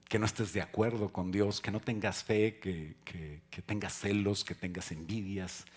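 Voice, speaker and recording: A male pastor delivering a conversational sermon. He jokes with the congregation and then drives his points home with loud, rising emphasis. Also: on the low side, slightly rough.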